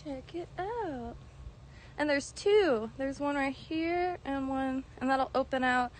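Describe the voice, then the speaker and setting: Streaming live from her garden, a Florida plant vlogger chats in an animated but slow way, her high voice droning at times. She meanders, full of ums, restarts and casual swearing. The live stream is noisy.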